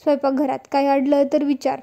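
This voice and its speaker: A woman voicing a caring, gently bossy elder sister. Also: high voice, monotone, a little fast, gravelly.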